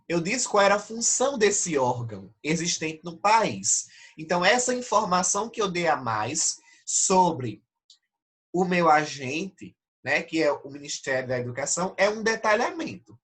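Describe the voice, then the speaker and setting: A male teacher with a Brazilian Portuguese accent leads an online class, walking through essay criteria step by step and repeatedly checking in with students. His voice is high and a bit bright, with a nasal quality from allergic rhinitis.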